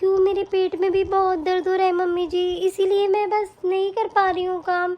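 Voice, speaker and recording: A woman voicing a very high, pleading young bride. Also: flat delivery, moderate pace, highs cut off. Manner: pleading, soft-spoken. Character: young, put-upon daughter-in-law. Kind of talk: cartoon voice acting.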